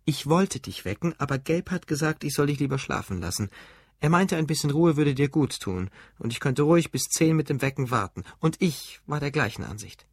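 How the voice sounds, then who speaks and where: A composed, cutting young wife in an audiobook, as a man puts her on, pitched a little higher than his own voice. She speaks matter-of-factly in a husky, dry voice. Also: lively intonation, fairly quick, dry recording, full character voice. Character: calm, sarcastic young wife and mother.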